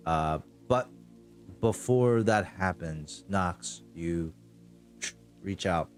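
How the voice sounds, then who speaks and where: A man's voice: low voice, extremely slow, faint music behind. A man working as game master, narrating a tabletop role-playing game in an improvised, conversational way.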